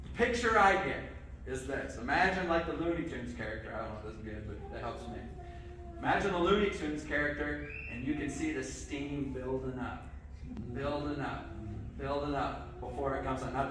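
In a church sanctuary with the congregation, a middle-aged pastor leads a lively children's sermon, quizzing the kids and saying "okay" a lot as he goes. His slightly high voice moves at a moderate pace. The far camera picks up echo and background noise.

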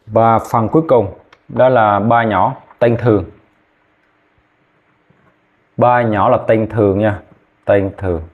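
Slow, low-voiced male chemistry teacher. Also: fairly even intonation, phone-quality sound. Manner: slow, repetitive, checking in with "ok chưa?". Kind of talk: classroom lesson, dictating formulas.

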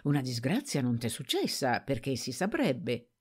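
A stubborn farm master, quick to anger, who hammers his servant girl with one insistent question after another, as a woman reader puts him on. The voice swings up and down as he badgers her in this storybook reading, though it stays close to the reader's own low tone. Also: sing-song, husky, heavily acted. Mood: angry, badgering. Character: gruff, stubborn, angry farm master, a middle-aged man.

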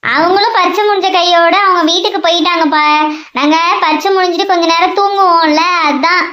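A woman voicing a very high-pitched cartoon schoolboy. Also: fairly even intonation, brisk, fairly bright tone. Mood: eager. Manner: pleading and hurt. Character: earnest young schoolboy son, eager to help. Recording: dull, echoey lo-fi sound.

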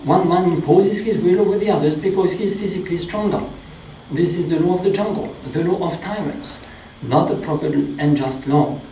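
A middle-aged man with a French accent, a priest reading a sermon slowly and in a measured way in a small chapel. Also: high voice, mellow, a little hiss or hum. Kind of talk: sermon read from notes. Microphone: stand mic. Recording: echoey chapel, mic at a distance.

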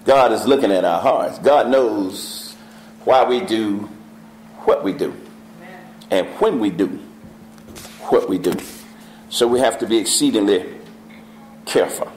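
A man teaching a Bible study class, reading scripture slowly and questioning the class. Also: fairly low pitch, darkish tone, a little hiss or hum. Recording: echoey church room.

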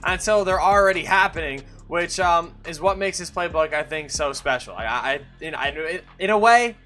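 Bright-voiced young man giving a casual game tutorial. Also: fairly high pitch, expressive, moderate pace, soft background music. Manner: casual and chatty, with many fillers and self-corrections. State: has the hiccups. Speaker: gaming YouTuber. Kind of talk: casual gameplay tutorial commentary.

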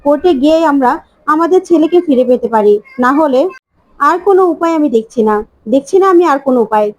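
A woman's voice: high-pitched, expressive, a little fast, no echo. A woman reading a determined, insistent older father. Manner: insistent, emphatic, repeating himself.

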